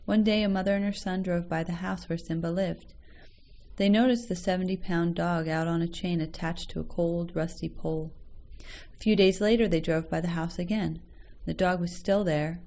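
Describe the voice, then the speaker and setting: A woman reading a children's story aloud in a gentle, measured way. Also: lowish voice, fairly even intonation. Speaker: story reader.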